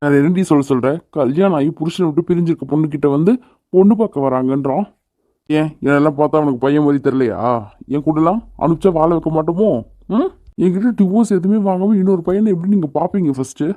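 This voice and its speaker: A man's voice: fairly high pitch, fast, mellow, no echo, close to an everyday voice. A man voicing a brash young husband who is blunt and teasing but protective of his wife, in a cartoon. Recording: dry, phone-like narrow sound.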